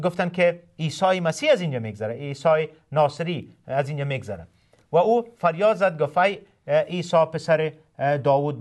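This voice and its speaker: A man, hosting and preaching a radio sermon in a halting way, with many drawn-out filler sounds. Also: a little high, a little mellow. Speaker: host and preacher.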